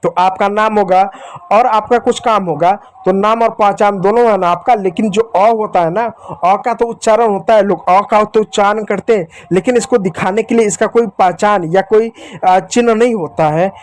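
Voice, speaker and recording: A male teacher giving a beginner reading lesson, patient, drilling sounds slowly and repeating them, speaking to his viewers as children. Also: sits high.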